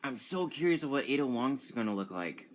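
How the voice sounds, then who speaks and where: A young man talks through a game demo in a casual, excitable way, his pitch swinging widely as he blurts out sudden exclamations. His voice sits mid-range for a man, with a faint hum of noise behind it. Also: fairly quick. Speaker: gaming YouTuber reacting to a demo. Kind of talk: casual reaction commentary.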